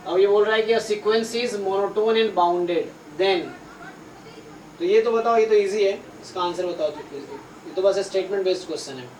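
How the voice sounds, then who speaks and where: A man's voice: high-pitched, moderate pace, a little mellow. Male math tutor, explains step by step, repeats points, echoey room, distant mic. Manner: explains in mixed Hindi and English, thinks aloud, repeats himself. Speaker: math teacher. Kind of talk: live online exam-prep class. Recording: roomy, distant mic with faint noise.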